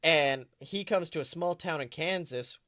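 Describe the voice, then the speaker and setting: A man co-hosting a podcast improvises a comic story, rambling, correcting himself and playing up the drama. His voice is on the high side, a bit bright and a little slow, recorded with studio quality and no echo.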